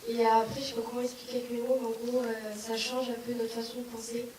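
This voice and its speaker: A woman's voice: on the high side, little pitch movement, fast, a little mellow, slight background noise. A young woman in an audience, hesitant and searching for her words. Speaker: audience member. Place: large hall with an audience. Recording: echoey hall, far from the mic.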